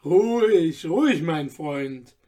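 Man reading a sly slave, persuasive, slow and measured, storybook fairy tale. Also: fairly high pitch, animated, a little mellow. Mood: coaxing. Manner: coaxing, persuasive. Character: sly male slave on an errand.

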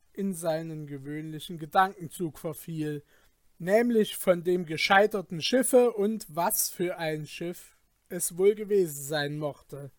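A man narrating an old tale in a measured, dramatic storytelling manner. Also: sits high, no room sound, clean studio sound. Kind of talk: scripted audiobook narration.

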